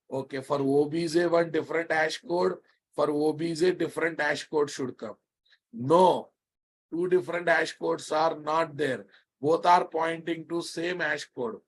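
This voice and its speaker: A man with a Telugu Indian accent teaches a live technical class in a somewhat high-pitched voice. He is emphatic and repeats himself often. He prods and chides his students with insistent questions. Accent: Telugu Indian English. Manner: emphatic, repetitive, chiding, prodding students with questions. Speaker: programming instructor.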